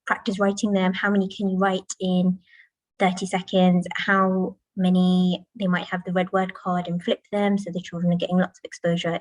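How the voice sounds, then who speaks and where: Low-voiced teacher explaining to parents. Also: female voice, a little mellow, dry recording, low-quality recording. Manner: clear, patient explaining with modelled classroom chants. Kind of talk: presentation to parents. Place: school, indoors.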